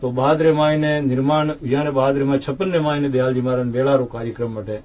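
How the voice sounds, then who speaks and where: Older man, Marwari accent, devotional storyteller, chants couplets slowly, mid pitch. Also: steady tone, a little mellow. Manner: slow chanting delivery of couplets. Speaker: saint narrating temple history. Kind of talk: devotional storytelling with recited verse.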